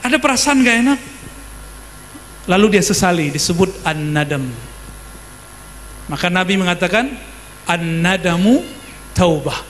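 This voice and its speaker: Man, preacher, conversational sermon, asks questions, high-pitched, slight background hiss. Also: animated, normal speed, long pauses, a bit bright, long reverb tail.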